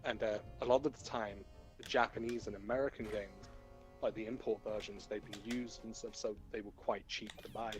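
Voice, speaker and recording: A man's voice: fairly low pitch, fairly even intonation, brisk, poor audio. A British man from the UK chatting casually on a stream, rambling a little with fillers as he shares a story. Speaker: stream co-host. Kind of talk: casual chat. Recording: loud game music behind. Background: game music.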